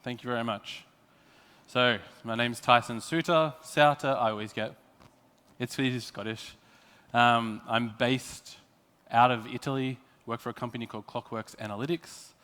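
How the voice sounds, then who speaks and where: An Australian man delivers a prepared technical presentation in a conference hall, using emphatic phrasing to explain his points. His mid-range voice is steady, bright and forceful with a clean tone, at a moderate pace. Long reverb fills the echoey hall.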